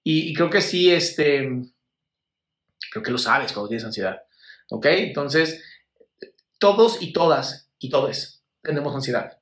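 A man's voice: on the high side, expressive, slow, long pauses, fairly bright tone, echoey room. A man with a Mexican accent hosting a casual live stream, answering viewer questions with affectionate, blunt talk and some swearing. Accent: Mexican Spanish. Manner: affectionate, swears freely, calls viewers "my love". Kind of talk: casual live Q&A about mental health.

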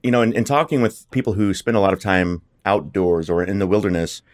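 A man hosting a podcast, reading a scripted introduction and asking his guest questions in a measured way. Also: low-pitched, fairly even intonation. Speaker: podcast host. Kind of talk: scripted podcast host narration.

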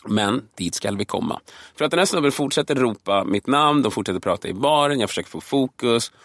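Male comedian, animated storyteller, dry close sound, lively swearing delivery. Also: mid-range voice, no echo. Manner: animated, swears a lot, acts out voices. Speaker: stand-up comedian. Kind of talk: casual podcast storytelling.

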